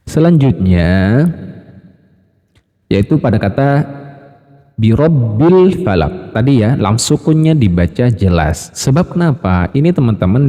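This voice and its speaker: A man teaching Quran recitation rules, patiently explaining step by step and slowly drilling each sound, addressing listeners as friends. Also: on the low side, dark tone, in a large hall. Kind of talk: tajwid lesson with spoken demonstrations.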